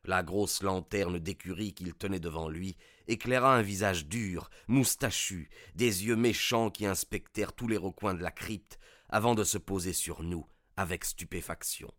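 A man reads a classic detective tale in a measured, suspenseful way. His voice sits low and the recording is dry and close, with no room sound around it. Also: a bit bright, no echo. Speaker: narrator. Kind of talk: scripted narration of a detective story.

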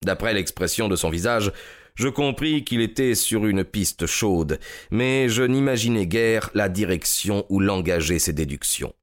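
Casting: man, lowish voice, steady audiobook narration. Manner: steady, measured storytelling.

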